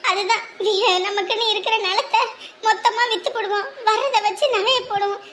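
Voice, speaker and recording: A woman's voice: very high voice, a little fast, sharp tone. An actress playing an anxious, self-pitying village mother, scolding and lamenting in a drama. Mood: aggrieved.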